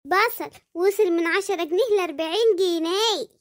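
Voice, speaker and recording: A woman's voice: extremely high pitch, a little fast. A woman voicing a chatty, fretful middle-aged housewife with an Egyptian accent in a comic cartoon, nagging and dramatic. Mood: fretting. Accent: Egyptian Arabic.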